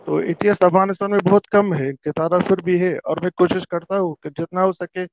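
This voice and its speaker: Hesitant caller on a noisy line. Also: male voice, high voice, fairly even intonation, highs cut off. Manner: hesitant and halting, with many pauses.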